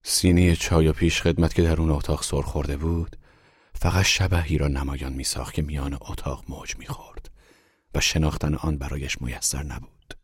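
A man reading a literary story aloud in a hushed, unhurried storytelling manner. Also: rumbling low, level tone, slightly rough, dry recording, clean studio sound. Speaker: audiobook narrator. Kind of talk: scripted literary narration.

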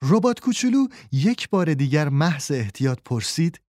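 A man narrating a children's audiobook in an expressive storytelling manner. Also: fairly high pitch, no room sound, studio quality. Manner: expressive storyteller voicing all characters.

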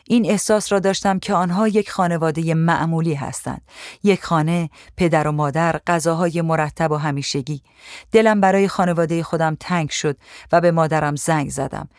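A narrator reading a first-person memoir in a measured, somber way on a close mic. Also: mid-range voice, no room sound. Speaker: audiobook narrator.

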